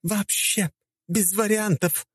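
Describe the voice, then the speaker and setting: A man's voice: steady tone, slow pace, slightly rough, no room sound, heavily acted. A man doing a haughty young secretary girl. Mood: shrill. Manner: shrill, mocking, indignant.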